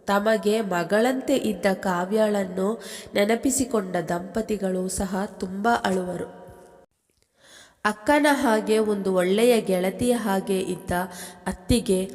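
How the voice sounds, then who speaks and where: A woman reading a romantic story aloud as a storyteller, in a steady, measured narration. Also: mid-range voice. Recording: long reverb.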